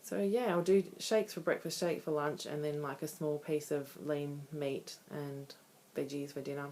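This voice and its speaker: Low-voiced woman in her thirties, candid vlogging. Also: steady tone, moderate pace, warm tone. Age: 30s. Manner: candid, conversational. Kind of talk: casual personal video diary.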